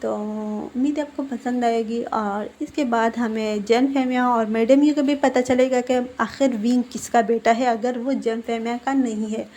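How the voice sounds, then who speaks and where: Mellow higher-voiced woman retelling a story. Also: fairly even intonation, moderate pace, hardly any pauses. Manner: informal, with fillers, reads out the characters' lines. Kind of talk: casual spoken retelling of a fan fiction story.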